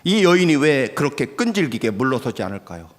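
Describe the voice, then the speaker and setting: A male pastor preaching a sermon, swinging between loud exhortation and hushed, quiet passages. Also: medium pitch, very animated, fairly quick. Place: church sanctuary. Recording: long hall reverb.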